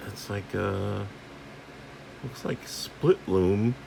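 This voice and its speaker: Here the man's voice is lowish and very slow, with vocal fry, against a noisy backdrop. Hosting a radio repair video, he thinks out loud in casual, salty language, rambling as he looks over the equipment.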